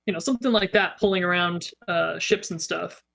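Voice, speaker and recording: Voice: medium pitch, a little fast, gravelly, a bit bright. A young adult co-host in a casual podcast chat, talking hesitantly with many fillers.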